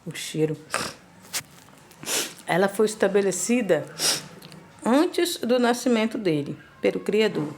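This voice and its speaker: A Brazilian Portuguese woman delivers a devotional in a loose, chatty way, repeating her points and speaking to the listener as a friend. Her voice sits at an ordinary middle pitch. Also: animated, slow pace, pauses often, darkish tone, slight background noise. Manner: conversational, repetitive, addresses listener as friend. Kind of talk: informal devotional talk.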